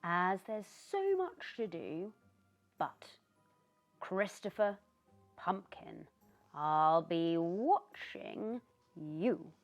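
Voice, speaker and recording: A woman's voice: lowish voice, big pitch swings, extremely slow, long pauses, soft background music, full character voice. A woman putting on a stern, bossy witch. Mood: fretful. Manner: stern, loud and scolding. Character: bossy, grumpy female witch.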